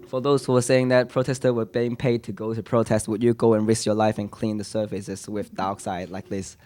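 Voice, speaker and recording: A man's voice: fairly low pitch, little pitch movement, a little fast, darkish tone. A man from Hong Kong speaking on a panel, earnest, with many fillers and restarts. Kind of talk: panel talk.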